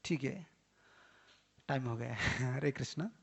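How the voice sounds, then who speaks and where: A man's voice: medium pitch, measured pace, breathy edge, dull audio. A swami giving an emphatic devotional sermon, firing off rhetorical questions and mixing English words into his talk.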